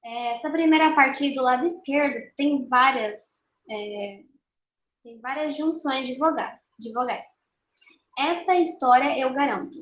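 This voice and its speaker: A young woman teaching an online literature lesson, explaining patiently and slowing down to count syllables aloud. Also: high-pitched, fairly bright tone. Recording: roomy echo.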